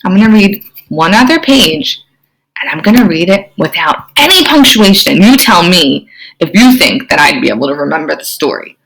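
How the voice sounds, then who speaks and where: A woman teacher giving an expressive online reading lesson to young children, often asking them questions. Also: lowish voice, normal speed, creaky, breathy edge, poor audio. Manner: expressive, explains with gasps and questions to kids.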